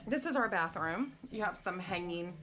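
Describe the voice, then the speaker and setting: A woman with a fairly low voice gives a casual walking room tour, pointing things out as she goes. She sounds a little out of breath, and faint music plays behind her. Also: lively intonation, normal speed, a bit bright. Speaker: vlogger giving a room tour.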